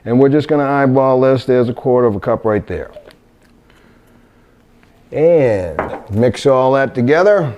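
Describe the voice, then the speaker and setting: A man hosting a cooking video, talking through a recipe in his kitchen in a halting, meandering way. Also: medium pitch, lively intonation, warm tone, dull audio, slight background noise. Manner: halting, meandering, searches for words. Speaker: cooking show host demonstrating recipes. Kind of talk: unscripted cooking demonstration. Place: home kitchen indoors.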